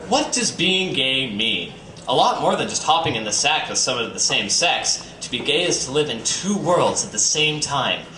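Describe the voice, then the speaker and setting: At a comedy night in a bistro, a man reads theatrically to an audience, adding joking asides and campy, playful emphasis. His medium-pitched voice swings widely in pitch, with a sharp tone at normal speed. The live stream capture is roomy, distant and noisy.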